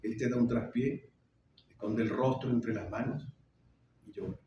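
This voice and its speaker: A middle-aged man giving a public lecture on theater, expressive, with frequent restarts. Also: medium pitch, normal speed. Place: lecture hall. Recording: echoey hall, mic far off, faint noise.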